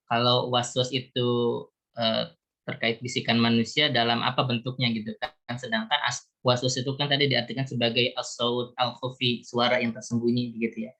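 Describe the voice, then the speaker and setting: A man in an online Quran study session, answering a question as a religious teacher in a measured, explanatory way. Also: mid-range voice, sharp tone. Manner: measured, explanatory, tags phrases with "you see". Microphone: video call.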